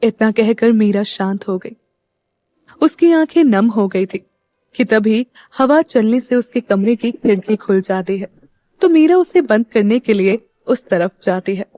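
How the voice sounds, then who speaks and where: A woman narrating an audio story in a steady, even storytelling manner. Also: on the high side, a little slow, dry recording, studio quality.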